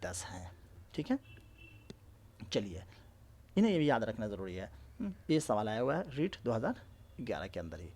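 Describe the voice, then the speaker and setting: A man teaching an exam-prep lesson, explaining slowly, spelling out letters one by one and often checking that his listeners follow. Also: on the low side, sing-song, darkish tone.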